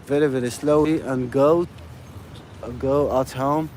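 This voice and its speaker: A man talks into his phone as he walks outside, rambling in a friendly way and tossing in "you know" and "bro" all the time. His voice sits at an ordinary middle pitch for a man. Street noise and passing traffic come through clearly behind him. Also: steady tone, a little slow, a little mellow. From Algeria. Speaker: live streamer. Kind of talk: casual live-stream chat. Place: outdoors on a city street, walking. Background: urban ambience and vehicles.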